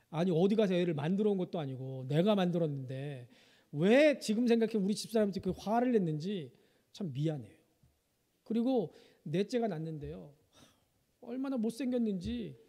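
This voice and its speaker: A man's voice: sits high, warm tone. A male pastor preaching a sermon, telling funny family stories and asking the congregation questions. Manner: humorous storytelling, asks the congregation questions. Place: church sanctuary. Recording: long church hall reverb.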